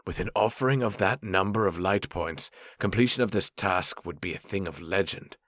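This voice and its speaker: A man voicing a formal, wry male elf rogue in an audiobook, measured and dry. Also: low-pitched, a bit bright, no room sound. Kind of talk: audiobook narration.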